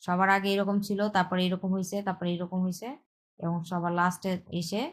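A woman's voice: fairly low pitch, flat delivery, a little fast, slight background noise. Woman teacher, Bengali, explaining Chinese grammar in a repetitive, step-by-step online lesson. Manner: explains step by step, repeats herself, checks with "হ্যাঁ".

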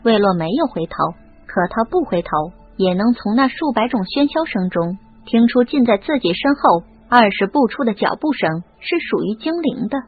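Narrator: woman with a husky, fairly high voice, expressive storytelling, tinny lo-fi sound. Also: moderate pace, hardly any pauses. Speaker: audiobook narrator. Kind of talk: scripted novel narration. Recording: lo-fi phone-like audio. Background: faint music.

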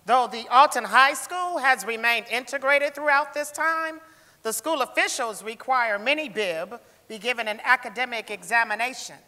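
On a large indoor theatre stage, a woman narrates a scripted dramatic reading in a bright, forceful tone. Her voice is fairly high and her speed normal, and the hall sounds echoey.

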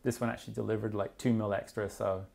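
Speaking quickly in a lowish, darkish voice with vocal fry and little pitch movement, a man in his thirties gives an informal product review for a mountain bike magazine. He's in a small indoor studio workshop and often hedges with "like" and "kinda."

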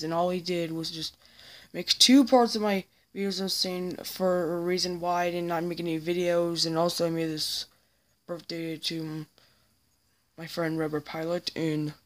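A woman giving a casual, apologetic vlog update, rambling and halting with many restarts. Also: fairly low pitch. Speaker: YouTuber.

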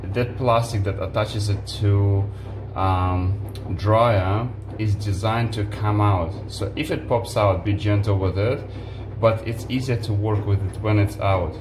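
A man in his forties who makes home appliance videos gives a casual, unhurried how-to demonstration in a small laundry room, with a fairly low voice and halting restarts. He films himself on a phone held at arm's length on a selfie stick, and the echoey room carries washing machine noise.

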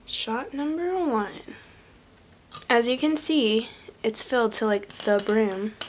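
A young woman with a fairly high voice films a casual vlog in a small room. She chats to the camera as the host of her channel, loose and slangy, swearing freely. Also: lively intonation, takes it slowly, a little hiss or hum. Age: young adult. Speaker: video creator, channel host.

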